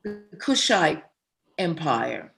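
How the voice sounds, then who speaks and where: A woman's voice: sits low, very animated, slow pace, creaky, a bit bright, soft background music. A woman interviewer and playwright asking questions in an enthusiastic, effusive way, often restarting her words. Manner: enthusiastic, effusive, repeating words as she starts. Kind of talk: conversational interview.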